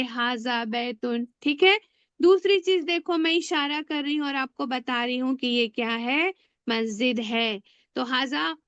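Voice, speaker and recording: A woman with a high voice teaches beginners in an online class, repeating each word slowly and prompting students to echo it back. The sound is dry and close but dull and lo-fi. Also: a bit bright. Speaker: Arabic teacher.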